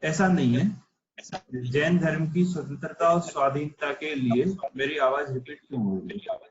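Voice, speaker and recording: A man's voice: a little high, normal speed, echoey room, lo-fi sound, noisy background. A man teaching an online religious philosophy class, explaining patiently and asking rhetorical questions. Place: online video call class.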